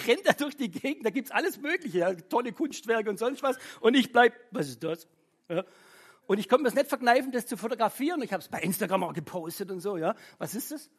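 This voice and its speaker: Husky-voiced middle-aged preacher, chatty. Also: medium pitch, lively intonation, fast talker. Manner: chatty, keeps asking "ja?" of listeners; reads scripture aloud between remarks. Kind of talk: casual devotional sermon.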